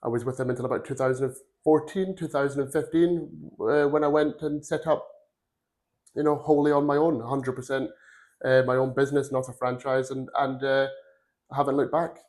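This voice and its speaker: A man in his forties, from Glasgow, telling his career story as a podcast guest. He rambles in an earnest way, with a voice of middling pitch for a man. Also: fairly even intonation, fairly quick, a little mellow. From Glasgow, Scotland. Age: 40s. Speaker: podcast guest, recruitment firm founder. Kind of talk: casual career interview.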